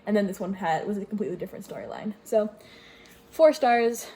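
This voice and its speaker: A woman's voice: medium pitch, expressive, fairly quick, dark tone, slight background noise. A young woman from Greece casually reviewing books she read, rambling with fillers and correcting herself. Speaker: book vlogger. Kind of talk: casual book review chat. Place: home with washing machine running.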